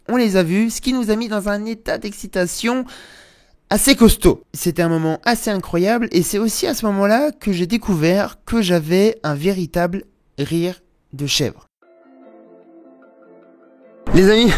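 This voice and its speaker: A young man talks as a travel photography vlogger. His delivery is casual and full of informal youth slang. Clear music plays behind his voice. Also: high voice. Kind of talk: casual vlog narration.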